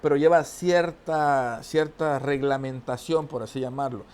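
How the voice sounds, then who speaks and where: A man's voice: medium pitch, fairly even intonation, a little slow, a little mellow. A man giving a spoken lesson, explaining step by step and often checking in with tag questions and restarting phrases. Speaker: teacher. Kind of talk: spoken lecture on oratory.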